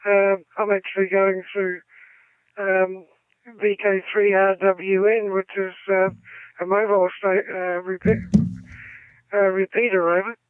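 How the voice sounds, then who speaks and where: A man, a ham radio operator talking haltingly over a narrow AM-style radio link. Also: sits high, flat delivery, clean tone, no room sound. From New Zealand. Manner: halting, many ums, signs off with "over". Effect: heard over a narrow AM-style radio link. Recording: tinny lo-fi radio audio.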